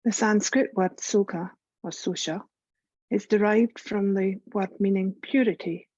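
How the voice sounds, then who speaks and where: In a calm, unhurried way, a woman yoga teacher talks listeners through a meditation, her medium-pitched voice soft and relaxed. The recording has no echo and sounds dry and a little flat.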